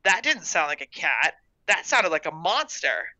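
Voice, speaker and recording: A woman's voice: on the low side, sing-song, a little slow, bright, forceful tone, no room sound, heavily acted. A woman reading a story and voicing a sullen, defiant older sister who speaks curtly, on a dull, dry recording. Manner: curt and sulky.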